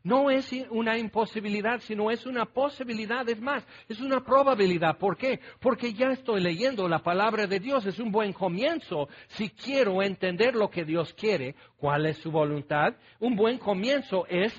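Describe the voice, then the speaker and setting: A man's voice: high-pitched, normal speed, hardly any pauses, muffled recording. A man preaching a sermon in a conversational way, firing rhetorical questions and mock-quoting his listeners' replies.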